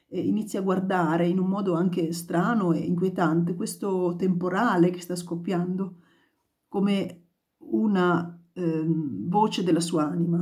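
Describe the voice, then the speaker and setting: A woman, a playwright and actress, speaking thoughtfully with hesitations before reading a novel aloud in a measured voice. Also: lowish voice, warm tone.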